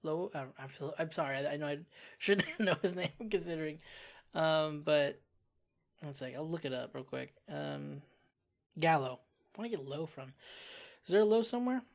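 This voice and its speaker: A reaction channel host talking casually about a TV episode, expressive and quick to exclaim and sigh. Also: medium pitch, gravelly. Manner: expressive, exclaims and sighs often.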